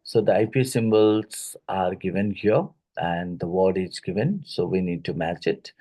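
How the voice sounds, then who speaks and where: This low, mellow, slightly rough male voice moves at normal speed. He teaches phonetics for exam prep in an Indian English accent, explaining worksheets one step at a time and tagging lines with "right?" or "isn't it?" to check in.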